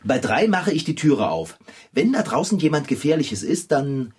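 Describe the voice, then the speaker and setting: An actor playing an excitable, flustered bicycle repairman in a children's radio play. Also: a little high, moderate pace, slight background noise. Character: excitable, jumpy bicycle repairman, the cat's owner.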